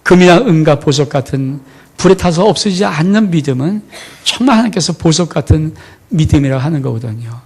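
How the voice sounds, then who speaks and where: A male pastor preaching a sermon in a dramatic way, swinging between loud outbursts and hushed words. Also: a little high, lively intonation, fairly quick, husky.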